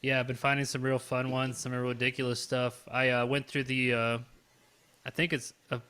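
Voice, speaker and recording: Guy on a podcast, smooth even voice, rambly and laid back. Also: mid-range voice, moderate pace. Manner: relaxed, rambling, laughs often. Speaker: podcast co-host. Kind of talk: casual chat.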